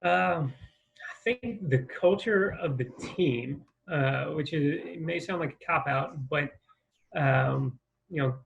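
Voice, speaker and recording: A man, a former assistant baseball coach, speaking thoughtfully and hesitantly with many pauses on a video call. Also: fairly high pitch, gravelly, dull audio. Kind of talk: casual video-call interview.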